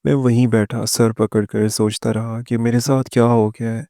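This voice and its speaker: A man narrating a first-person moral story with a steady, even reading. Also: mid-range voice, no echo, studio quality.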